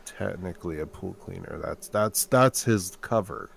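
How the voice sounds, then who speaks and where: Exhausted guy rambling on a podcast, super low voice with lots of fry. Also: unhurried, over a noisy crowd. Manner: rambling, restarting, trailing off. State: tired, low on sleep. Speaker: podcast co-host. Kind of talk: casual chat.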